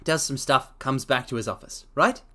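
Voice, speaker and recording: A man streams a dramatic story reading, pausing to chat excitedly and often stammering and restarting his sentences. His voice sits in the mid range, and he talks at a normal speed.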